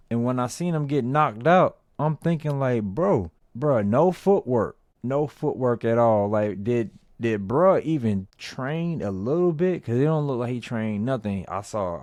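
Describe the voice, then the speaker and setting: A man doing casual, rambling commentary on movies and viral fights, slangy and animated when ranting. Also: medium pitch, no room sound, studio quality. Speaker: movie review vlogger.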